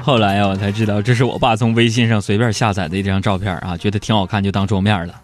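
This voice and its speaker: A young man, hosting a live stream show and telling joking, animated stories about his family. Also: fairly low pitch, fast talker, over music. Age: young adult. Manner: joking, animated storyteller who acts out arguments. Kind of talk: comic storytelling monologue. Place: broadcast studio.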